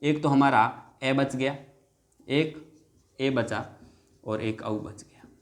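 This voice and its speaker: A man's voice: medium pitch, takes it slowly. A male teacher giving a classroom lesson, repeating each point and drawing out example sounds, calling viewers his friends. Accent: Hindi.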